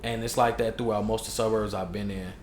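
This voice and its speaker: A young hip hop artist with a Chicago accent guests on a casual podcast interview, telling candid stories from his life. His low voice is easygoing, relaxed, and slangy, with a quick pace. The room is echoey, with a faint hiss behind him.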